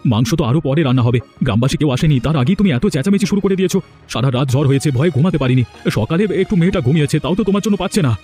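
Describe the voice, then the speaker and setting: A man's voice: fairly high pitch, animated, rapid-fire, mellow, faint music behind, natural voice. A man voicing an anxious village man in a cartoon. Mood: grumbling.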